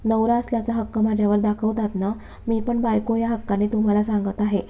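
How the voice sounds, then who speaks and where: A devoted young wife from a storybook love story, gentle but stubborn, voiced by a woman narrator. She speaks softly and earnestly. The tone is warm and dark, and the delivery stays level. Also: mid-range voice, level tone, a little fast, natural voice. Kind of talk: storybook reading.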